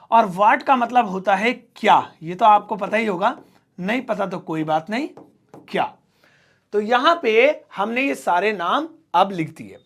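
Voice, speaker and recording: A man teaching a spoken English lesson, writing on a board as he goes and repeating each word slowly, spelling some of them out. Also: sits high, gravelly, fairly bright tone.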